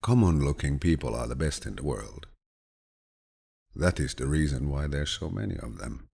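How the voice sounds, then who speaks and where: The speaker is a male audiobook narrator working slowly through scripted quotations. His low, deep voice carries a husky texture, and his manner is soothing, calm and grandfatherly.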